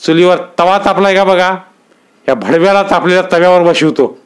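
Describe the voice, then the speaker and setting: A man voicing a domineering, brutal village strongman with harsh, bullying shouts, pitched well above his narrating voice. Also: brisk, clean tone, close to an everyday voice. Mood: menacing.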